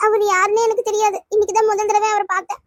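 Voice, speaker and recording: A woman voicing a tearful, heartbroken young woman in a cartoon, pleading and sobbing softly. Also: extremely high pitch, level tone, racing, dry recording, studio quality. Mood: sad pleading. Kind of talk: cartoon voice acting.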